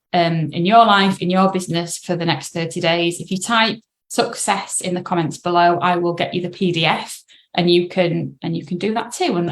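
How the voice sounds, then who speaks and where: A British woman, a business coach, talking casually on a live stream and reading an article aloud, often checking in with "right?". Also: lowish voice. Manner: chatty, checks in with "right?" and "all right?".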